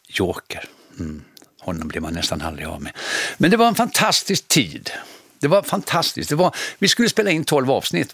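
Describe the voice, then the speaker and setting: A middle-aged man, hosting a radio show and telling stories his acting career in a lively way. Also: lowish voice, creaky, dry recording. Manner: animated, acts out quoted voices. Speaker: radio host telling his life story. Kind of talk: casual storytelling.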